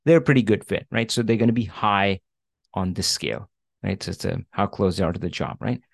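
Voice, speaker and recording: A man's voice: fairly low pitch, brisk, creaky, no room sound. Guy coaching on a video call, chatty, lots of ums and "right?", dry close sound. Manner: casual, filler-heavy, checks in often with "right?". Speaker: career coach. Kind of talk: online coaching session.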